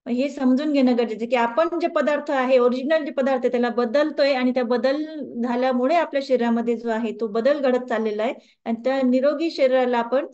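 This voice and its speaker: A woman's voice: high voice, a little fast, dark tone, dull audio. A woman wellness coach gives a conversational lecture to a group and keeps asking the audience questions.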